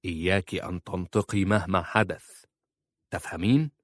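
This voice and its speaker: A man's voice: fairly low pitch, expressive, fairly quick, a bit bright, dry recording, clean studio sound. A man voicing a stern, impatient husband who gives curt orders. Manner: curt and commanding.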